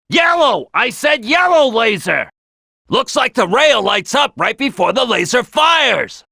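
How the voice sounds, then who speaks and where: A man voicing a brash, bossy cartoon crocodile detective for a video game, gruff and raspy, barking orders at his crew. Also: sits high, no room sound, clean studio sound, full character voice. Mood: urgent, alarmed. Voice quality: gravelly, raspy, forceful. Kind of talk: animated video game voice acting.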